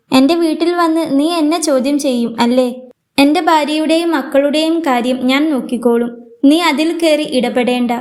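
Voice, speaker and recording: Drunk angry dad yelling and demanding answers, a lady reading him in her own high voice. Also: natural voice. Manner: shouting, demanding. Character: drunk angry man, a bullying father.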